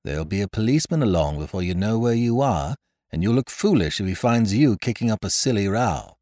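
A man's voice: on the low side, expressive, a little fast, dark tone, no room sound, clean studio sound, close to an everyday voice. A man voicing a young male peacemaker who talks in a soothing, coaxing way.

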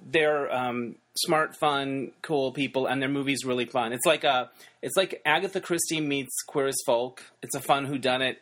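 A man's voice: mid-range voice, fairly bright tone. A man with a standard American accent, hosting a podcast in a casual, conversational way. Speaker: podcast host.

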